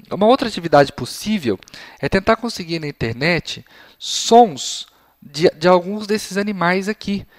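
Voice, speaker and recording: A man teaching Latin for young children to parents, patient and explanatory, his voice slightly failing as he often clears his throat. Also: high-pitched, expressive, no echo, clean studio sound. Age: adult. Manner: patient and explanatory, models phrases slowly. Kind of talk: explanatory lesson.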